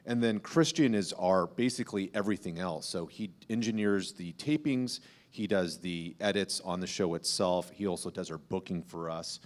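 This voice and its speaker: A man with a low-sitting voice speaks at normal speed as a podcast host on a panel. He explains things in an informal, emphatic way.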